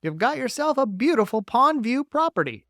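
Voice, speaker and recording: Man putting on a chatty folksy beaver, higher and louder voice, dry recording. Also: big pitch swings, normal speed, no echo, heavily acted. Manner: chatty and eager, giving folksy advice. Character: friendly, talkative middle-aged male beaver builder. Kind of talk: audiobook character voice.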